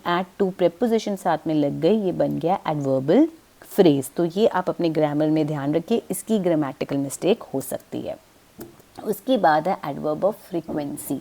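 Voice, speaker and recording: A woman with an Indian English accent teaching English grammar step by step, slowing down on example sentences. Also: lowish voice, warm tone. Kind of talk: classroom-style grammar lesson.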